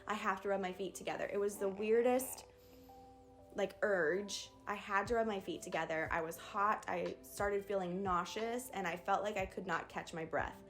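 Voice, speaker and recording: A woman's voice: medium pitch, moderate pace, soft background music. A young woman vlogger candidly retelling a birth story in a casual storytime. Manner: candid, animated retelling with acted quotes.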